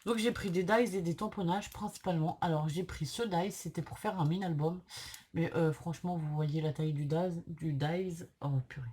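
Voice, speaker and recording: A woman's voice: fairly low pitch, normal speed, mellow, husky. A woman talking with a sore throat from tonsillitis, chatting hesitantly and apologetically through a casual unboxing vlog. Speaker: craft channel host.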